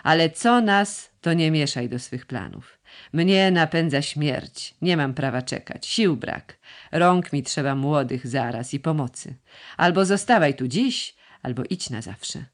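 A man voicing a gruff, stubborn old uncle in a storybook reading, curt and commanding. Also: on the high side, expressive, a little slow. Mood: bitter.

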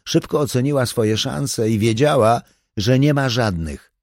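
A man reading a thriller audiobook in a measured, even storytelling manner. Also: medium pitch, no echo, clean studio sound. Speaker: audiobook narrator. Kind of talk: scripted thriller narration.

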